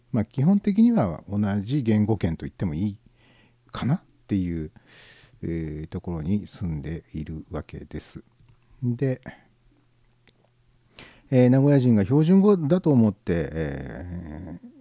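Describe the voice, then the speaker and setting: Low, dark-voiced Japanese man chatting casually. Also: no echo, clean studio sound. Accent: Gifu-Nagoya Japanese. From southern Gifu, Japan. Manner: relaxed, musing, many fillers. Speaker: internet radio host. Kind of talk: casual solo chat.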